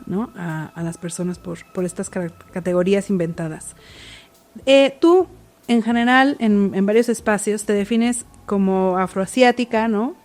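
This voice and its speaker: A woman host interviews her guest on a podcast. Her voice sits at an ordinary middle pitch. She builds long, winding questions and keeps tagging them with short check-ins. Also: darkish tone. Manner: asks long, winding questions, punctuated by tag questions.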